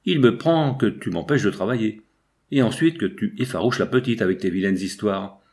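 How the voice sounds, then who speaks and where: A man's voice: lowish voice, moderate pace, darkish tone, natural voice. A man voicing a stern, busy painter. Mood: irritated. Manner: firm and scolding.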